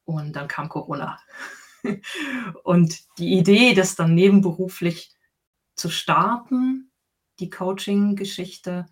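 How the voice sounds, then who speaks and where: This is a middle-aged woman from Saxony who works as a coach. She answers interview questions earnestly and at length, explaining step by step and breaking into soft laughs. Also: on the low side, animated, takes it slowly. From Saxony, Germany. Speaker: coach and guest.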